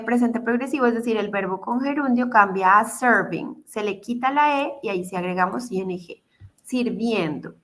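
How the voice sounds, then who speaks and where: Bright-voiced woman teaching English grammar. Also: fairly high pitch. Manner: patient, repeats steps, asks "¿listo?" to check. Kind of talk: online lesson explaining grammar.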